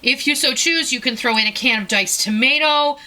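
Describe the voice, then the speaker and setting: Chatty bright-voiced woman cooking host. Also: sits high, normal speed. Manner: chatty, talks straight to viewers, folksy phrasing. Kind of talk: casual home cooking tutorial. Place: home kitchen.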